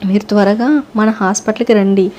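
A woman's voice: medium pitch, steady tone, normal speed, darkish tone, slight background noise, close to an everyday voice. A woman voicing a worried young man urging help for his friend. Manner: urgent, worried.

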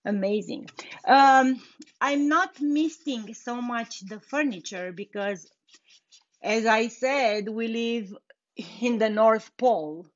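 Taking it slowly in a voice on the high side, a young woman with a Romanian accent, originally from Romania, chats through a live furniture painting tutorial. She laughs easily; the setting is an indoor workshop with a bare wall, and the sound is lo-fi.

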